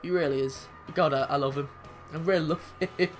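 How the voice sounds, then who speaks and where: A young man commentating his own football video game match, excitable and swearing, with sudden shouts when goals go in. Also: a little high, brisk, soft background music. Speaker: gaming YouTuber.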